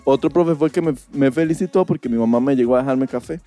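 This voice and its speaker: A man's voice: medium pitch, quick pace, dark tone, soft background music. A man with a Costa Rican accent in casual chat, talking in a chatty way with lots of filler. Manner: chatty, fillers of "mae" and "¿verdad?". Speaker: podcast co-host.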